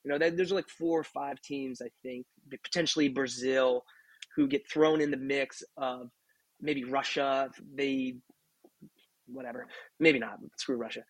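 A man's voice: mid-range voice, fairly even intonation, unhurried, no room sound, low-quality recording. A man hosting a casual sports podcast, chatting and often asking "right?". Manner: chatty, rhetorical questions with "right?". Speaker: podcast host. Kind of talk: casual rugby talk.

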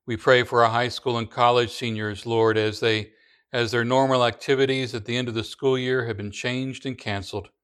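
A man leading a congregation in the creed and prayers, reading in a slow, measured recitation with small restarts. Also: medium pitch, a bit bright, smooth. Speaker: pastor.

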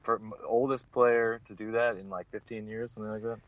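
A man co-hosting a casual sports chat by phone from a parked car, rambling and laughing easily, his voice thin with no bass. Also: level tone, a little fast. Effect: thin phone-line sound with no bass. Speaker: co-host. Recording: dull dry phone line.

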